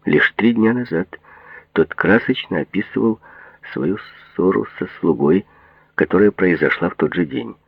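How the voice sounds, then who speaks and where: A male audiobook narrator with a very deep, gravelly voice that rises and falls in lively lines. His tone is husky and close, with no room sound. The audio is narrow and phone-like. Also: unhurried, no echo. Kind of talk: audiobook reading of a detective novel.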